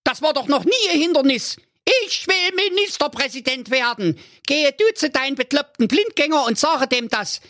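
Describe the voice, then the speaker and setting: A man's voice: moderate pace, few pauses, pushed and bright, dry recording, clean studio sound. A man voicing a lazy, greedy and bossy wife in a spoofed fairy tale. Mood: domineering. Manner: shrill, bossy, mocking.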